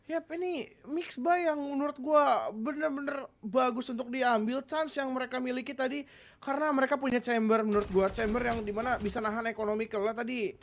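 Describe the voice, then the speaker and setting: A woman's voice: high-pitched, steady tone, fairly quick. A woman with an Indonesian accent giving casual analytical esports commentary, slangy and peppered with English gaming terms.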